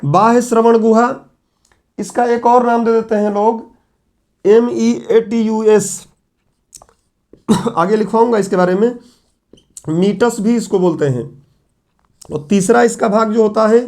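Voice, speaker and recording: गला खराब, सवाल पूछकर पढ़ाता ऊँची आवाज़ वाला शिक्षक. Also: male voice, sits high, unhurried, pauses often, a little mellow. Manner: explains step by step, asks the class questions and answers them himself. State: sore throat, coughing. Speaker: teacher. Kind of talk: classroom lecture at a whiteboard. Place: classroom.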